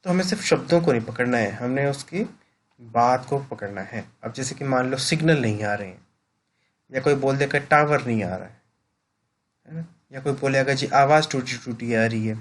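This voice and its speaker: A man's voice: medium pitch, normal speed, slight background noise. A male teacher explaining a lesson to his students, often checking in with short "right?" tag questions. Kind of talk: classroom lecture.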